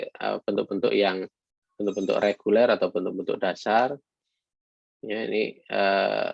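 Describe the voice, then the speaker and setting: A man lecturing to students in a halting way, with many fillers and some read-out English phrases. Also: lowish voice, creaky, no room sound. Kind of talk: online lecture. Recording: dull lo-fi sound.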